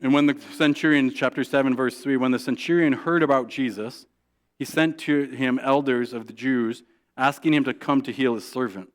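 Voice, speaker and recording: A male pastor preaching a sermon in a conversational way, often asking "right?" and restarting his sentences. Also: mid-range voice. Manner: acts out quoted prayers in a soft, hushed voice; halting restarts and repeated words.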